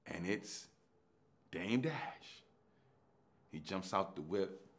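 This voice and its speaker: A middle-aged man, an actor telling his own story in a lively way. He acts out the dialogue in street slang and swings between hushed and loud delivery. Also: low voice, extremely slow. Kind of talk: animated anecdotal storytelling.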